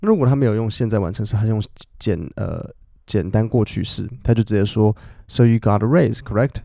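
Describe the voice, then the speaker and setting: Gravelly young man explaining grammar. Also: fairly low pitch, fairly quick, dark tone, no room sound, studio quality. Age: 20s. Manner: explanatory, repeats phrases while thinking. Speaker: English teacher and podcast host. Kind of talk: explaining English grammar in a podcast lesson.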